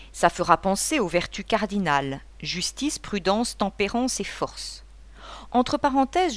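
A woman's voice: mid-range voice, no echo. Woman doing a rambling bossy male painter. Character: boisterous talkative middle-aged male painter.

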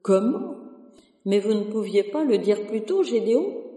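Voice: mid-range voice, animated, mellow, echoey room, long reverb tail, lightly acted. A narrator doing a frantic old parish priest. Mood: panicked. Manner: frantic, hurried urging.

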